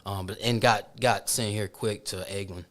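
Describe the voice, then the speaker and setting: A man from Florida with a lowish voice speaks as a podcast guest. He talks in a relaxed, casual way, restarting phrases and calling people "man". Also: moderate pace. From Florida, USA. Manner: easygoing, repeats words while thinking, says "man" often. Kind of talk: casual interview chat.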